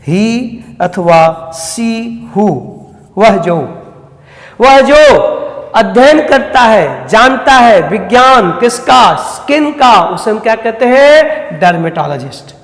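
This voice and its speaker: A male teacher giving a vocabulary lesson. He asks questions and answers them himself, and he repeats key words slowly. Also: high voice, big pitch swings, fairly bright tone. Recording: echoey room with long reverb.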